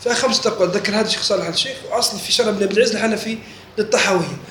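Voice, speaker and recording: In an echoey room with a faint hum of noise, a man teaches religion to a class at a racing pace. His high-pitched voice has a slight brightness, and he keeps asking questions to make sure students understand.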